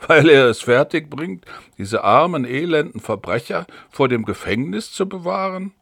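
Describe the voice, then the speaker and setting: A man's voice: a little high, lively intonation, moderate pace, gravelly, a bit bright, dry recording, studio quality, pitched above the performer's own voice, exaggerated voice. A man reading the part of an earnest, trusting young woman in an audiobook, in a pleading tone.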